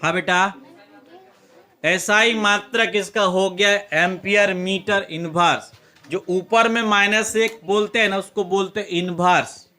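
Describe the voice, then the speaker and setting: A man's voice: high voice, fairly even intonation, a little slow, sharp tone. A male physics teacher with a Bihari Hindi accent, giving a classroom lecture with a hands-on demonstration and coaxing students to repeat terms aloud.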